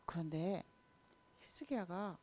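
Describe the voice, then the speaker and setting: A woman's voice: on the low side, expressive, takes it slowly, a little mellow, no room sound. A woman teaching a children's Sunday school class, telling a Bible story expressively and speaking directly to the children.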